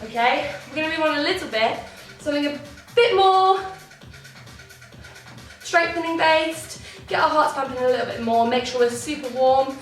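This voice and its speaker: Young female dance teacher, high and bright, slightly out of breath, distant in a roomy space. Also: moderate pace. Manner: encouraging, counts beats aloud. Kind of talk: online dance warm-up class. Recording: echoey room, distant from mic, faint music.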